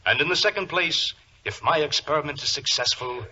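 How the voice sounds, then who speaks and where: An actor playing a suave, villainous professor, politely gloating and deliberate, in 1940s radio drama style. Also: male voice, a little high, lively intonation, pushed and bright. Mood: gloating menace. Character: suave villainous professor, scheming and menacingly courteous. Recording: muffled, hissy vintage radio recording.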